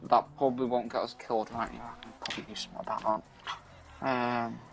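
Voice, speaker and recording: A man of middling pitch reads a spooky article aloud, tripping over words and restarting sentences. He breaks off now and then to react to the video game he is playing. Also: little pitch movement, gravelly, slight background noise, poor audio. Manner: halting reading with frequent stumbles and restarts. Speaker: podcast co-host. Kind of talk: reading urban legends aloud while playing a video game.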